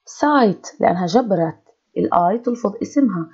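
A woman teacher, giving an online English lesson to children at a slow, careful pace. Her voice is low and mellow, and she keeps checking in with "okay". The audio is dull and lo-fi. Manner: repeats words slowly for children, frequent "okay".

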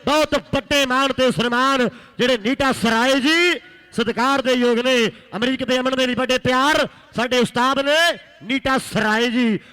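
Male Punjabi-accented village kabaddi co-commentator, very high-pitched, sharp projected delivery, calling names. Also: measured pace, clean tone. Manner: calls out names, echoes his partner. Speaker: kabaddi co-commentator announcing supporters and prizes. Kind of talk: rural sports announcing.

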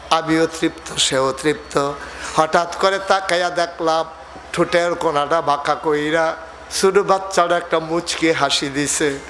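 A Bangladeshi man preaching a dramatic storytelling sermon, acting out dialogue with emotive, drawn-out calls. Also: fairly high pitch, a bit bright, a little hiss or hum. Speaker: Islamic preacher.

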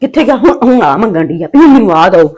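A woman's voice: mid-range voice, big pitch swings, racing, darkish tone. A woman with a Punjabi accent chatting casually for a home vlog, rambling in a plaintive, homely way as she talks to her viewers. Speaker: family vlogger and mother.

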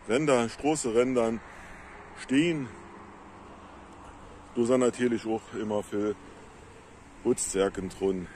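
A man with a Moselle Franconian dialect explaining plants on a casual nature walk outdoors in the countryside, in a halting, unhurried way. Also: medium pitch, darkish tone, a little hiss or hum. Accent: Moselle Franconian dialect of the Saar-Moselle area. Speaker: local nature video maker.

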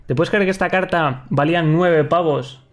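A man's voice: fairly high pitch, moderate pace. A man in his thirties from Spain with a Castilian accent, hosting a casual chat while opening card packs, laughing often and bantering. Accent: Castilian Spanish. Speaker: channel host. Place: indoor streaming room. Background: faint background music.

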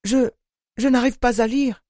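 A man's voice: very high voice, a little slow, darkish tone, no echo, studio quality, pitched above the performer's own voice. A man voicing a frail, terrified old woman prisoner who stammers in a trembling voice, in an audiobook.

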